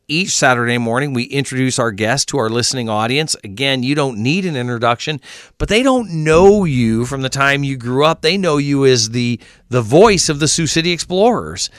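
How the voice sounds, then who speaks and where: A man's voice: mid-range voice, fairly bright tone, clear, resonant tone, no room sound, clean studio sound. A man hosting a weekend radio show who interviews his guest in a playful, teasing way. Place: radio studio.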